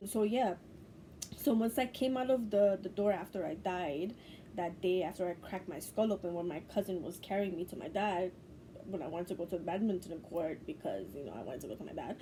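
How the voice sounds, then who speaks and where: Mellow-voiced woman telling a story, casual. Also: fairly low pitch, lively intonation, a little fast, a little hiss or hum. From Bangladesh. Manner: loose, profane, laughs often. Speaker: spiritual teacher.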